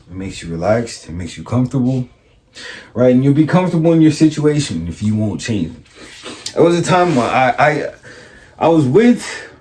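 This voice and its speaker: A man's voice: medium pitch, warm tone. A man, a life coach, telling a personal story in casual, blunt, profane talk, often checking in with "right?" and acting out the other people's lines. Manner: acts out other people's voices in his stories.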